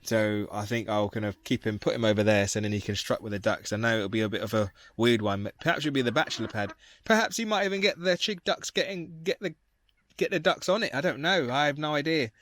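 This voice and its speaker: A man's voice: mid-range voice, quick pace, a bit bright, no echo. A man giving a rambling, casual vlog tour of his croft outdoors, talking to a handheld camera. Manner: chatty, rambling, self-correcting. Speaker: crofter vlogger. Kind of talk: casual vlog walk-around.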